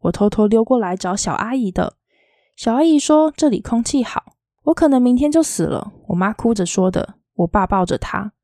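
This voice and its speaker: A woman voicing a fierce, blunt teenage girl who is seriously ill, in a soft, quietly lilting reading voice. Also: fairly high pitch, lively intonation, normal speed, dry recording. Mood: teasing, sad.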